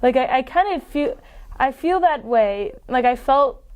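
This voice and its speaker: A young woman co-hosting a music podcast, chatting casually with a lot of "like" and quick agreement. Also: high voice, lively intonation, clear, resonant tone, narrow, tinny audio. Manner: chatty, lots of "like" and agreeing "yeah". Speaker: podcast co-host.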